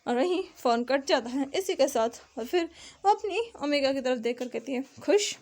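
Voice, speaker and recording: A woman's voice: high-pitched, lively intonation, normal speed, darkish tone. A woman narrating a story retelling in a conversational way, sometimes correcting herself.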